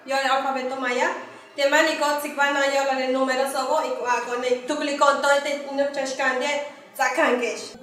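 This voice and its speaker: A young woman from Yucatán, Mexico, teaches letters and sounds, high-voiced, stopping often to search for words. She sits well back from the mic in a very echoey room. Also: flat delivery, a bit bright, distant mic, a little hiss or hum. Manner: halting, with many fillers. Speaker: language teacher. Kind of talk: teaching lesson.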